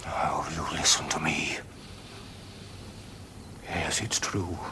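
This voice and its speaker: A man playing an aging Roman emperor, deep and halting. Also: noisy background, close to an everyday voice. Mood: pleading. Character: aging Roman emperor, stammering, earnest father. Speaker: actor in a television period drama. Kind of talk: 1970s television drama acting.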